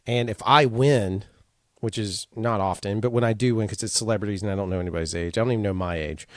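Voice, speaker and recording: A man co-hosting a podcast in casual chat, halting and self-deprecating, often laughing. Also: fairly low pitch, no room sound, studio quality. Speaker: podcast co-host.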